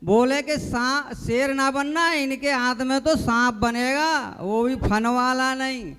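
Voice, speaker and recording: A man's voice: very high voice, slow pace, pushed and bright, smooth, big-room sound. A man, the compere of a poetry show, teasing the other poet with a joke.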